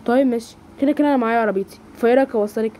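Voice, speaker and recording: A woman with an Egyptian Arabic accent voicing a calm, protective young man in a lowered, steady voice. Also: racing, natural voice. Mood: friendly.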